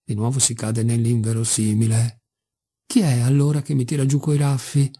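A rambling old drunk of a father, sentimental and wicked, as a male reader voices him. His voice is dark and husky, and he mocks and wheedles as he talks in this audiobook reading. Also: medium pitch, little pitch movement, normal speed, close to an everyday voice. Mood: mocking.

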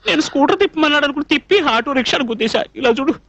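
A flustered young bachelor in a film comedy, scolding in quick, exasperated bursts. His pitch leaps around wildly, and the sound is close and dry. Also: lively intonation, gravelly, a bit bright, dry recording, full character voice. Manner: exasperated rapid scolding with comic outbursts. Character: flustered young bachelor man, scolding yet soft-hearted. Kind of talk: Telugu film comedy dialogue.

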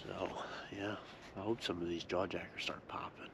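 A man's voice: low-pitched, flat delivery, normal speed, gravelly, recorded from a distance. A young man talking casually to the camera while ice fishing outdoors on a frozen lake, upbeat and easygoing with plenty of fillers. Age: young adult. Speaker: angler filming his fishing trip. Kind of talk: casual vlog talk to camera. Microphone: action camera close by. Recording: outdoor wind and ice noise.

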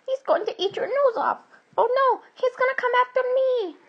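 A woman's voice: very high voice, moderate pace, lo-fi sound, voice pushed up. Luigi, squealing in a panic, as a woman puts him on. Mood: panicked. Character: excitable panicky male plumber brother.

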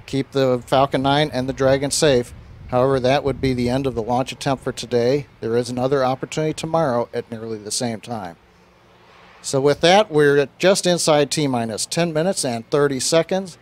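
Medium-pitched man giving live launch commentary. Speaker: launch webcast host.

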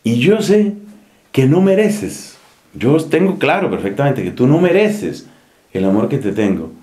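Un hombre con acento colombiano que da voz a Dios como un padre tierno que perdona, con tono suave y tranquilizador. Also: male voice, medium pitch, very animated, a little slow. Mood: tender. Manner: gentle, reassuring. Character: tender forgiving father, God. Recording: echoey room.

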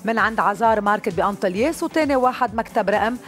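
Very fast-talking Lebanese woman presenter. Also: mid-range voice, faint music behind. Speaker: lottery show host. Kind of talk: live TV presenting. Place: TV studio. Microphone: headset.

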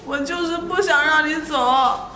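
A woman plays a timid young wife who pleads softly through tears in a short family drama. Her voice is very high, bright and slow. The room is echoey with faint noise behind. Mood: pleading. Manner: soft, pleading, tearful.

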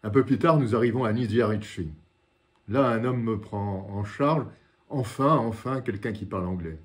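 Low-voiced older man, war correspondent recounting. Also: slight background noise. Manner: dramatic storytelling with repeated phrases and pauses. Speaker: war correspondent recounting his own reporting. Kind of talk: war correspondent's first-person recollection. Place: living room, indoors.

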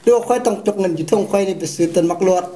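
A woman playing a joking female company boss who runs a meeting in a stage comedy sketch and keeps laughing and shouting. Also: medium pitch, rapid-fire, echoey room, close to an everyday voice. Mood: soothing. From Laos.

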